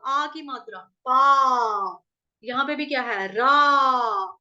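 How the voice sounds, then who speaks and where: A woman teaching Sanskrit verse pronunciation, patiently repeating syllables, chanting lines slowly and asking if everyone follows. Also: high voice, bright, forceful tone, highs cut off. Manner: patient, repeats syllables and asks checking questions. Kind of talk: recitation lesson with chanted verse examples.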